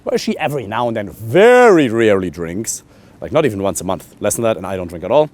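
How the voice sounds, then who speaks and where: A man in his thirties coaching men on dating, blunt and animated, swearing casually and pushing hard on his key points. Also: fast talker. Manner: animated and emphatic, swings loud and high on key points. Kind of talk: coaching monologue to camera.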